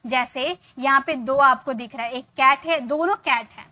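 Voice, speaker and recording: Bright high-voiced woman teaching English. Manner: explains slowly, repeats examples, asks viewers questions; drags out English example sentences syllable by syllable. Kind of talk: Hindi-English spoken grammar lesson.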